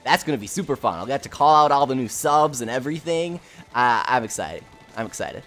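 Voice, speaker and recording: With faint game music in the background, a young streamer reads his chat aloud close to the mic, upbeat and laughing often. His medium-pitched voice is a bit bright, brisk, and lively in intonation.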